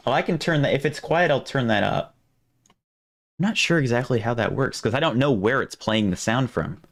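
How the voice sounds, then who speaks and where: A man hosting a live stream, chatting casually and thinking aloud, his voice going hoarse. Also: mid-range voice, lively intonation, fairly quick. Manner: rambling, restarts often, thinks aloud. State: losing his voice.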